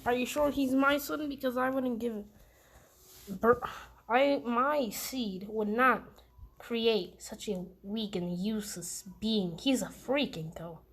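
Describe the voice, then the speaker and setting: A woman's voice: fairly high pitch, slow, vocal fry, heavily acted. A woman voicing a cruel, scornful father who curses and belittles his son. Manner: scornful and cursing.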